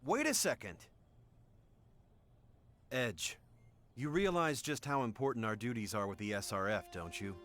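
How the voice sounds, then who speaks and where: Game role: playful young captain, mid-pitched, very animated, protective older friend. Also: male voice. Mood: earnest. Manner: theatrical, playful, reassuring. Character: teasing young male space captain, big-brotherly friend. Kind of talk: English video game voice acting.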